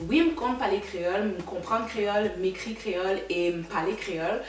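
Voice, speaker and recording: A woman's voice: medium pitch, a little fast, echoey room, distant mic. A woman in her thirties from Canada with a Québécois accent, chatting casually to her viewers and repeating words for emphasis. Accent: Québécois French. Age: 30s. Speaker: vlogger. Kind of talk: casual chat to camera.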